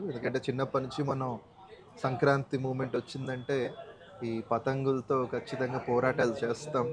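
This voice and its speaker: A man's voice: mid-range voice, low-quality recording. A man with a Telugu accent giving live cricket commentary, mixing in English phrases. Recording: crowd noise behind the voice. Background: crowd at a cricket ground.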